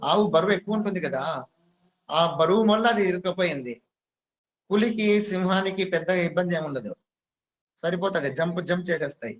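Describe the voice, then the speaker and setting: A male spiritual teacher tells a story in a devotional discourse, chatting with his listeners and stopping to ask them questions. His voice sits a little high for a man and stays relaxed and conversational. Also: brisk, long pauses. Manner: conversational, quizzes the audience.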